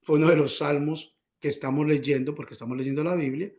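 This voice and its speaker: A man's voice: fairly even intonation, brisk, a little mellow. Man preaching with fill-in questions. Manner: call-and-response questions, repeats words when searching; acts out prayers and dialogue in a higher voice. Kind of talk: sermon.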